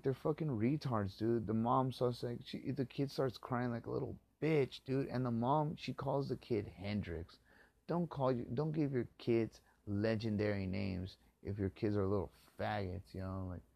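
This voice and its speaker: A man's voice: fairly low pitch, gravelly, dark tone, dry recording. A man hosting a podcast, delivering a profane, hostile, ranting monologue into a close mic. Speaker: podcast host. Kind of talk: angry monologue rant.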